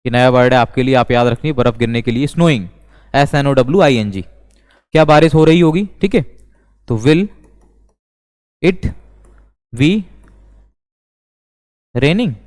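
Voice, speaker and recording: Man, grammar teacher, smooth resonant voice, slow and repetitive, reverberant room. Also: mid-range voice, a little mellow. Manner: slow, deliberate, repeats each sentence. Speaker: English teacher. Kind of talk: classroom grammar lesson. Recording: long reverb.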